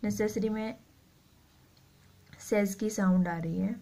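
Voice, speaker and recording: A woman teaching shorthand, explaining slowly and repeating each word as she writes it out. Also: mid-range voice, fairly even intonation, mellow. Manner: slow, repeats words while writing. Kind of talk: explaining a lesson.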